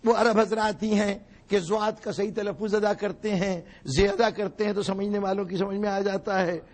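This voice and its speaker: A man with a strikingly high voice delivers a religious lecture to a gathering. He explains step by step and drives his points home with sharp rhetorical questions. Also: fairly even intonation. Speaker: religious orator at a mourning gathering. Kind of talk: sermon-style lecture.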